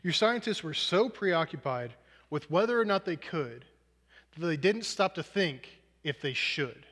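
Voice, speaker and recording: Earnest preacher in an echoing hall. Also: male voice, fairly high pitch, expressive, unhurried, a bit bright. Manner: earnest, self-deprecating, uses movie examples. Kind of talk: sermon. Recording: long hall reverb.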